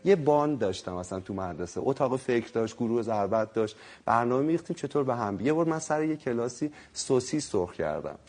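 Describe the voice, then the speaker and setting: Man in his thirties telling stories. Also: medium pitch. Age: 30s. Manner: lively, self-mocking, laughs often. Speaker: guest. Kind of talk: casual storytelling.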